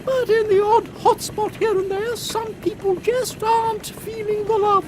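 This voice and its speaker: A man's voice: extremely high pitch, flat delivery, a little slow. A man voicing a haughty, theatrical queen who declaims grandly in a steampunk audio comedy. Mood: assured, lofty. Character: imperious, theatrical, excitable Queen Victoria, commanding secret agents. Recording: loud airship engine noise behind.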